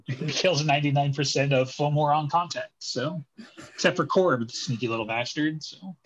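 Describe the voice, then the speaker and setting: A man's voice: a little high, moderate pace, fairly bright tone, muffled recording. A man co-hosting a podcast, giving casual, joking commentary in a chatty way. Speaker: podcast co-host.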